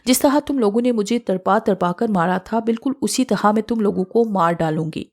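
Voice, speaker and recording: A woman's voice: medium pitch, close to an everyday voice. A woman voicing the vengeful ghost of a young woman in an audiobook horror story, read dramatically.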